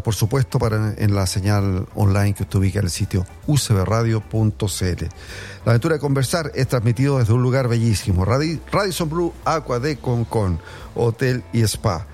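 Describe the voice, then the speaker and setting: A Chilean-accented man with a lowish, slightly mellow voice hosts a radio talk show from a hotel venue. He opens with a formal introduction, then moves into a friendly interview in a warm presenting style.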